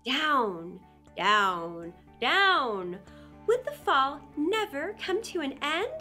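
A middle-aged woman narrates a children's storybook. Her high voice moves with lively, theatrical swings and deliberate pauses. Faint music sits behind her.

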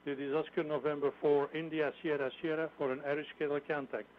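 A man operating an amateur radio station, speaking haltingly in procedural, military-radio style over a crackly link. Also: fairly high pitch, little pitch movement, narrow, tinny audio. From Belgium. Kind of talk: radio call procedure, briefing.

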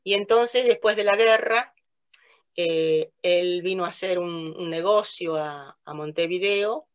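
Speaking on a video call with the webcam facing her, against a plain light wall in a small room, an older Italian theatre narrator and director recounts memories in a casual interview. She's hesitant, full of fillers and restarts, and laughs often. Her voice is on the low side, clean and unhurried, though the recording is muffled.

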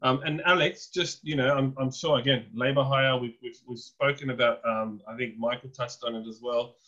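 A man's voice: medium pitch, steady tone, normal speed, sharp tone, lo-fi sound. A man in his thirties moderating a webinar panel over a video call, handing questions to the guests in a conversational way.

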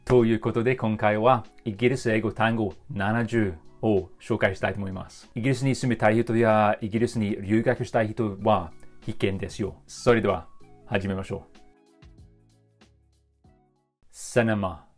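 A man's voice: on the low side, fairly even intonation, soft background music. British man drilling English words in Japanese. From Britain. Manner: repeats each word slowly three times. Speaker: English teacher. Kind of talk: vocabulary lesson with repeated word drills.

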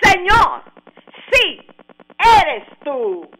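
A woman's voice: very high voice, normal speed, heavy background noise. A woman preacher voicing an impulsive fisherman apostle, a man declaring his faith with fervent, repeated declarations in a sermon.

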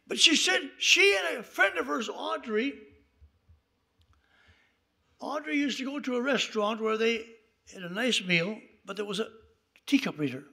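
Dramatic high-voiced male preacher. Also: gravelly, slightly rough. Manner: dramatic, bursts into shouts at climaxes. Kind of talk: sermon storytelling.

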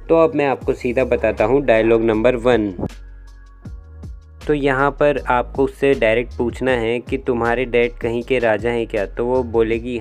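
A man's voice: mid-range voice, darkish tone. Chatty young man giving dating tips. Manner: chatty, instructive, acts out both sides of sample dialogues. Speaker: YouTube dating-tips host. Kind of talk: casual explainer vlog.

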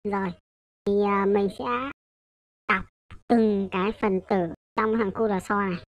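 A woman's voice: medium pitch, fairly even intonation, unhurried, no echo, dull audio. A woman, talking through a programming tutorial in a loose, hesitant way. She corrects herself and keeps checking in with her listeners. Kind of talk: casual coding tutorial.

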